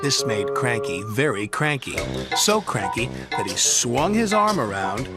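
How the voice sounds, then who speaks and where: A man's voice: medium pitch, sing-song, a little slow. A man reading a children's story aloud expressively, with music behind. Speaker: narrator. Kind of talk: storybook narration.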